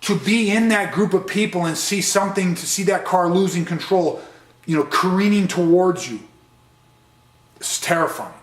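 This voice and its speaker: A man's voice: high-pitched, moderate pace, echoey room. A man teaching a de-escalation training session, speaking earnestly and stressing key points. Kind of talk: training lecture.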